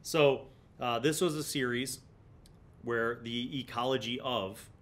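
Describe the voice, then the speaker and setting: Here the same kind of host, a middle-aged man fronting a gaming review series, speaks slowly in a steady, slightly bright voice. He muses aloud in a casual way, turning magazine pages and reading bits out. The setting is a small home studio with a desk condenser mic in front of him and a distinct low rumble behind.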